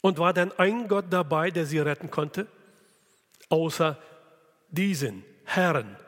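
Male preacher, slow and deliberate, slightly high voice, hall reverb. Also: animated, a bit bright. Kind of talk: sermon.

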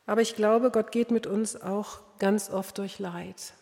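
A woman's voice: medium pitch, fairly even intonation, a little slow, gravelly, darkish tone. Earnest older woman preaching in a hall. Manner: earnest, addresses listeners directly. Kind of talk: sermon. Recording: long hall reverb.

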